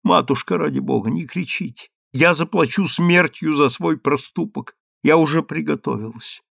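A man's voice: fairly high pitch, normal speed, vocal fry, a bit bright, no echo, studio quality, pitched above the performer's own voice, exaggerated voice. A man voicing a young woman who pleads tearfully with her mother in a storybook reading. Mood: desperate pleading.

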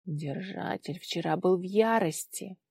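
A woman voicing a gentle aunt who speaks slowly and softly in an audiobook. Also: lowish voice, vocal fry, slightly rough, dry recording, clean studio sound, full character voice. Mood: hushed. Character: slight older aunt, tender and soothing.

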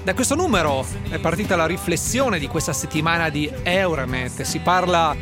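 Lively Italian radio host, music underneath. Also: male voice, fairly high pitch, normal speed. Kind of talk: radio interview and presenting.

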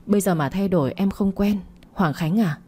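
A woman's voice: mid-range voice, normal speed, mellow, lightly acted. A woman reading as a reluctant young woman. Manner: frank, reluctant. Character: young woman, uneasy and firmly refusing.

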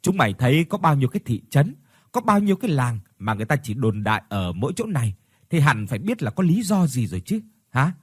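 An insistent young woman pressing her point and firing off questions, as a male storyteller voices her. The voice is husky and lively, recorded dry and close. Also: mid-range voice, fast talker, no room sound. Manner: insistent, argumentative.

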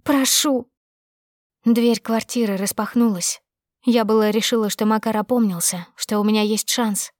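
A woman's voice: medium pitch, steady tone, moderate pace, darkish tone, no room sound. A woman narrates a dramatic first-person audiobook with tense, emotional delivery. Her voice sits in a middle register. The sound is close and dry, with no room around it.

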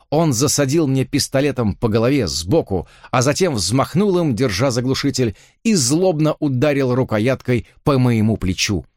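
A male audiobook narrator reads a first-person thriller with real drama. His delivery is lively, rising and falling in pitch. The sound is dry and close, with no room echo.

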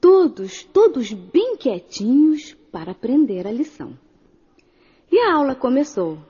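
A woman narrating a children's story in a scripted, expressive way, speaking directly to the young listener. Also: high voice, unhurried, slightly rough. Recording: dull lo-fi audio.

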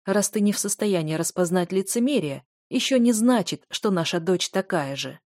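A woman reading a calm, stern noble father. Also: medium pitch, no room sound, clean studio sound, lightly acted. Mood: firm. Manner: firm, measured, final.

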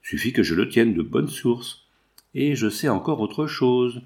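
A man's voice: mid-range voice, expressive, unhurried, a little mellow. A man reading aloud, putting on the voice of a bold, cheeky red-haired young showgirl who scolds and teases. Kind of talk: audiobook reading.

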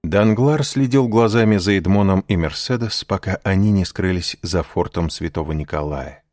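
A man narrating a classic novel as an audiobook, in a measured, even storytelling manner. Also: low voice, dry recording, soft background music.

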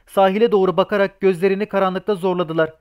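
A man's voice: high voice, steady tone, fast talker, darkish tone, clean tone. A man reading a novel aloud as an audiobook narrator, voicing the characters' lines as well. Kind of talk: scripted narration.

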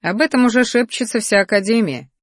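A woman's voice: a little high, animated, fairly quick, no echo. A friendly young battle mage, earnest and a touch gossipy, read by a woman narrator. Her delivery is close and dry, with no room sound.

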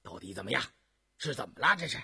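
A man's voice: medium pitch, very animated, unhurried, sharp tone, breathy edge, no room sound, clean studio sound, full character voice. A man doing a stern, commanding emperor. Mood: agitated. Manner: curt, imperious demands. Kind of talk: storytelling radio reading.

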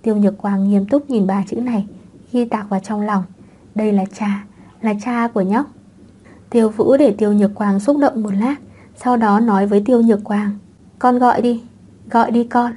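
A woman reads a web novel aloud in a calm, steady storytelling manner. Her voice is mellow and dark, with a scripted audiobook delivery. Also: mid-range voice, moderate pace, breathy edge. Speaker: audiobook narrator.

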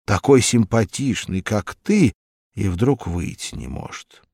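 A man voicing a sly stranger posing as a wizard, talking slowly and coaxingly. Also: lowish voice, very animated, vocal fry, a little mellow, husky, dry recording, clean studio sound, full character voice. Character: sly male stranger who claims to be a wizard.

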